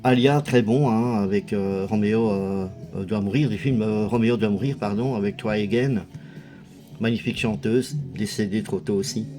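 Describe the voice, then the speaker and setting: Male vlog host, low mellow voice, chatty and hesitant delivery. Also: moderate pace, soft background music. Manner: chatty, hesitant, lots of fillers. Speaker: video host showing a music collection. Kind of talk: casual commentary.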